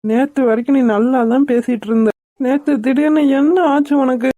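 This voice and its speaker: A woman's voice: high voice, brisk, mellow, no echo. A woman voicing a persistent young man in a cartoon, teasing and puzzled by his beloved. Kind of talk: cartoon voice acting.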